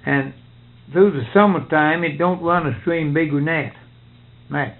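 An older man, a farmer being interviewed, chats casually about farm life in folksy country speech with nonstandard grammar. His voice is on the high side, fairly even in intonation and unhurried, heard on a narrow, tinny recording.

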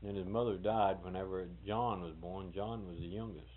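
A man's voice: low-pitched, steady tone, moderate pace. Folksy man in his forties. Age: 40s. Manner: rambling, folksy, self-correcting. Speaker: interviewee. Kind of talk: casual oral history talk. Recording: tinny old tape with hiss.

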